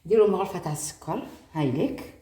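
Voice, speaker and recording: Fast-talking Algerian woman cooking. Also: fairly low pitch, lively intonation, warm tone, roomy sound, a little hiss or hum. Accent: Algerian Arabic. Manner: chatty, mixes French words, talks to viewers as she works. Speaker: cooking vlogger. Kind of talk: casual cooking tutorial.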